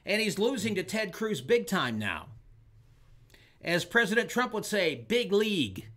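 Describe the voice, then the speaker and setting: A man hosts his own talk show, holding forth on politics in a fairly high voice that swoops up and down. He hammers his points with repetition and punchy emphasis, pitching his opinions straight at the listener. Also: very animated, a little slow, a bit bright. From Oklahoma, US. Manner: emphatic, repeats lines for punch. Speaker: show host.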